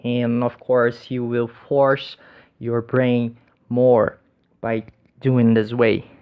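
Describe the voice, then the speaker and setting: A young Portuguese-speaking man shares language-learning tips in English, talking casually to the camera. His smooth, middling-pitched voice barely varies and moves slowly and hesitantly, with many restarts and repeated words, and the recording sounds dull and lo-fi.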